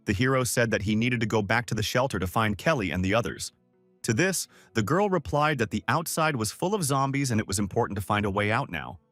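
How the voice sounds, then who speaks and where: A man narrating a comic recap in a scripted storytelling read, his pitch rising and falling freely. The voice sits close and dry, with faint music playing underneath. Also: a little fast, no echo. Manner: steady storytelling read, summarizing comic panels.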